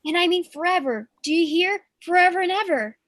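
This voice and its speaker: Brief: young woman as anxious bride, very high voice, pleading, dry close sound. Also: lively intonation, fairly quick, a bit bright, no echo. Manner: pleading, emotional. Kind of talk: amateur play reading.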